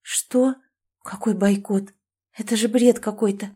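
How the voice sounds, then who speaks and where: A flustered young woman in love who protests and pleads, always on the defensive, played by a female audiobook reader. Her voice is raised higher than the narration. Her lines come out urgent and upset. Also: normal speed, darkish tone, natural voice. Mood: protesting.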